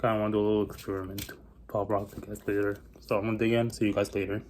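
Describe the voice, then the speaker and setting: A man vlogging casually, a bit sick and husky, rambling as he walks out and back home with a handheld camera. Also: lowish voice, little pitch movement, very fast, a little mellow, slight background noise. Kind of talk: casual vlog chat. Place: walking outdoors and at home.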